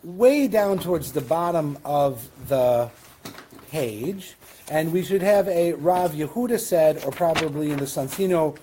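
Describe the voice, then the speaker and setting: A man's voice: a little high, animated, measured pace, dark tone, a little hiss or hum. A man with a Western New York accent teaching a Talmud class as rabbi, explaining in a conversational way with questions and asides. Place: synagogue classroom.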